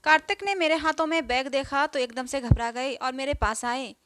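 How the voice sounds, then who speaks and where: A woman's voice: sits high, moderate pace, a bit bright, no echo. A woman narrating a family story in the first person, earnest and emotional.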